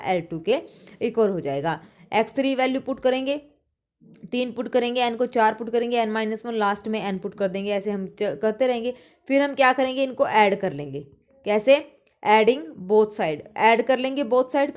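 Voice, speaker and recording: Woman teaching math with rhetorical questions. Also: fairly high pitch. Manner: explains step by step with many rhetorical questions. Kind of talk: exam-prep math lecture.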